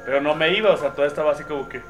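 A man with a Mexican accent and a slightly high voice talks very fast over music as a podcast co-host. His casual storytelling is slangy and full of laughter, and he acts out the quotes.

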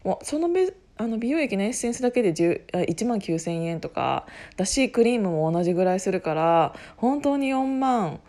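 A woman talks casually on her own in a medium-pitched voice with a hoarse, husky edge. She rambles along, cutting into her own sentences and circling back as she goes. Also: sing-song, fairly quick, hardly any pauses, warm tone. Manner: rambling, self-interrupting, often laughing at herself. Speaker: podcast host making an announcement. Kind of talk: casual solo chat.

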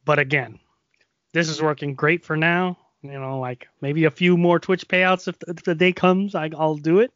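Nasal, higher-voiced man chatting loosely. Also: fairly even intonation, normal speed, a bit bright, dry recording, highs cut off. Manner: rambling, loose storytelling with many fillers. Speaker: podcast co-host. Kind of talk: casual chat. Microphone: XLR microphone.

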